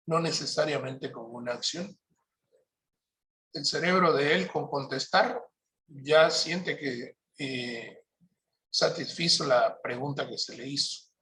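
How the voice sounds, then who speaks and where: A man with a somewhat high voice gives a parenting workshop. He explains each point in a calm, instructive tone. He often pauses to check in with his audience. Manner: checks in with listeners by asking "¿Sí?".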